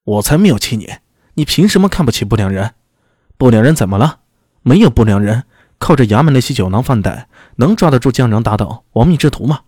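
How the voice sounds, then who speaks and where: A man's voice: medium pitch, lively intonation, brisk, warm tone, dry recording, studio quality, natural voice. A man voicing a stubborn, hot-headed young son who talks back in a raised voice. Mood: defiant. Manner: defiant, raised voice, talking back.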